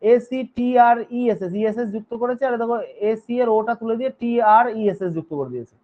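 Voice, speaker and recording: A male teacher with a very high-pitched, animated voice gives a fast grammar lesson, spelling words out letter by letter and often checking in with his students. He reads each rule in English and then explains it in Bengali. The recording is dull and lo-fi.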